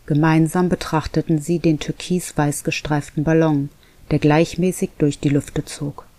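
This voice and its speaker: A narrator reading a children's animal story aloud in a calm, even manner. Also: mid-range voice, normal speed. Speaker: audiobook narrator. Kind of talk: scripted narration.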